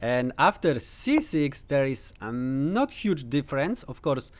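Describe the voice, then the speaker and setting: Speaking with a Polish accent in a sing-song, mid-range voice, a man in his thirties, a native Polish speaker, gives laid-back chess commentary to camera. He's in a home room with bookshelves, taking his time, thinking aloud through many "uh" fillers and slipping in playful, teasing remarks.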